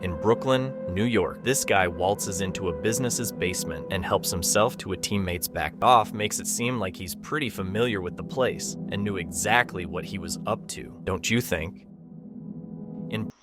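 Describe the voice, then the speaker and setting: Casting: male narrator, lowish voice, chatty moral commentary, clear music bed underneath. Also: moderate pace. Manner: conversational, disapproving, rhetorical asides. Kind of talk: scripted narration of caught-on-camera clips. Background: prominent music bed.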